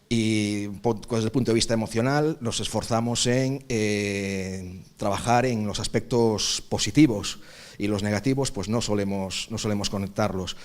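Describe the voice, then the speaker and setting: Man, low voice, measured pace of thought, pauses between phrases, panel answer. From Galicia, Spain. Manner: measured, searching for words, frequent pauses. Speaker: workshop presenter, archaeological park director.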